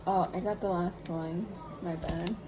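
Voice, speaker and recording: A woman's voice: lowish voice, fairly even intonation, measured pace, noisy background. A young woman tasting snacks with friends, chatting casually, teasing and laughing often. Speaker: snack taster. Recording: background music.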